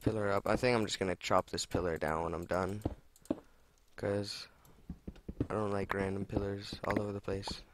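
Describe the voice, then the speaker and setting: A man's voice: fairly low pitch, little pitch movement, moderate pace, background noise. A young man casually commenting as he plays a game, chatty and prone to swearing and exclamations at what he finds. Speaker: let's play gamer.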